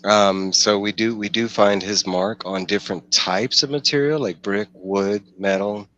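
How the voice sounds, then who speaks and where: Speaking a little slowly into a headset microphone, this forties-aged host leads a relaxed book discussion on a video call from a small home room. His voice is lowish and a bit bright, he explains points and asks the group questions, and the audio sounds dull.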